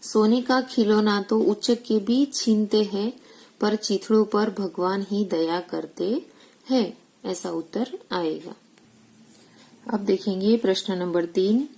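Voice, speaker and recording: A woman teaches a recorded school lesson at an unhurried pace. Her voice is low in tone and gravelly. She poses questions and answers them herself, slipping English terms in among her explanations. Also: warm tone, poor audio.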